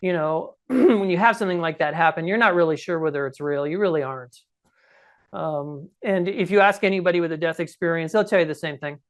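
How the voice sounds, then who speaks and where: A man in his sixties, his scratchy voice a little high and brisk, tells his own story as a podcast guest. He speaks conversationally and with emphasis, often checking in with "okay?" and "right?"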